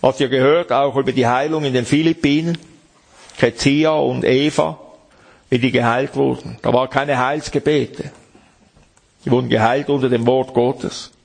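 Husky-voiced man preaching a sermon. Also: mid-range voice, steady tone, moderate pace. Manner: preaching, reading scripture aloud and explaining it.

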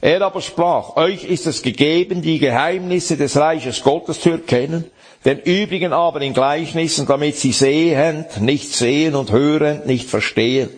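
Husky German-speaking male preacher. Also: on the high side, normal speed. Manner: emphatic, repeats and addresses listener directly. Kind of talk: sermon.

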